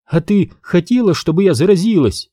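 A man's voice: high voice, lively intonation, normal speed, mellow, slightly rough, no room sound, studio quality, voice pushed up. A man reading an audiobook who voices a frightened, lovesick teenage girl in a raised, tearful, pleading voice. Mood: indignant.

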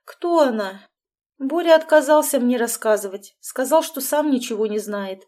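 A fussy middle-aged mother who keeps pressing with reproachful questions, as a woman reads her in an audiobook. The voice sits raised and bright, with lively rises. It comes across as a storybook parent who will not let a matter drop. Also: high-pitched, normal speed, voice pushed up, natural voice. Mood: insistent. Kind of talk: audiobook dialogue.

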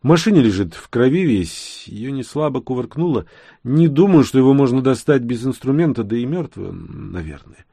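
A man voicing a sturdy man of about sixty in an audiobook, polite, formal and unhurried. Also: medium pitch, animated, vocal fry, mellow, slightly rough, no room sound, studio quality, voice pushed up. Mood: matter-of-fact. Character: sturdy older man around sixty, composed and curious.

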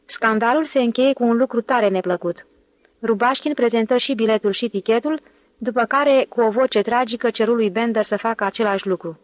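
A woman narrating an audiobook novel in an even, clear reading style. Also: on the high side, no room sound. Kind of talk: scripted narration.

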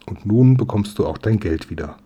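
A man voicing a kindly, friendly police inspector in a storybook reading, with a dark, husky tone. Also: lowish voice, animated, normal speed, dull audio.

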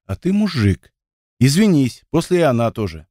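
A man's voice: mid-range voice, sing-song, normal speed, dark tone, no echo, clean studio sound. A man reading the part of a young male pilot who firmly breaks up a quarrel. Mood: stern. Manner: firm, commanding.

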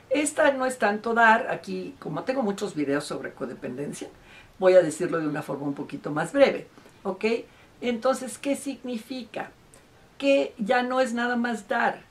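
A woman, a couples therapist, giving advice in an emphatic way and repeating words for stress. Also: medium pitch. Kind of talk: advice talk to camera.

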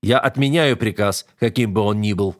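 A man's voice: fairly low pitch, normal speed, close to an everyday voice. A man voicing a stern elder brother, a young nobleman, in an audiobook. He speaks in curt, commanding bursts. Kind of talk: audiobook character voice.

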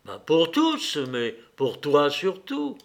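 A man's voice: on the high side, wildly swooping pitch, slow pace, full character voice. A man reading as an earnest, troubled lover. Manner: earnest, imploring.

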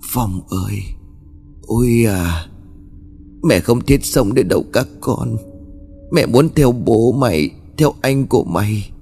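A man voicing a grief-maddened elderly mother, raving and lively in pitch. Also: slow pace, pauses often, slightly rough, faint music behind, exaggerated voice. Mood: grieving. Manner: wailing, then shrieking threats. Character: grief-crazed old village mother, wild and raving.

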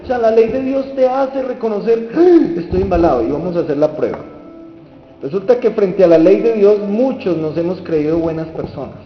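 A man's voice: sits high, animated, moderate pace. A man preaching a sermon, asking the audience questions and acting out the people he quotes. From Colombia. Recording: dull reverberant hall with faint music.

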